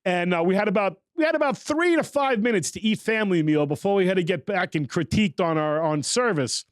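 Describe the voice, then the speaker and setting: Male podcast host with a high voice and a loose, rambling manner, recorded dry and close. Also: animated, a little fast, no room sound. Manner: rambling storyteller, many fillers. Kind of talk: casual interview chat.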